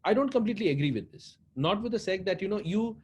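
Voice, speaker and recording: A man's voice: sits high, lively intonation, quick pace, darkish tone. A man with an Indian accent giving long, earnest explanations as an interview guest, often repeating phrases for emphasis. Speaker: interview guest, head of a social foundation. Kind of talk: interview talk, explaining at length. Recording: clearly noisy background.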